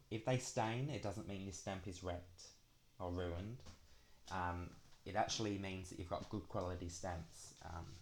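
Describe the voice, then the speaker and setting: A young adult man, a craft planner vlogger, chats casually through a craft walkthrough, dragging out his s sounds. His voice is low-pitched, with slight background noise.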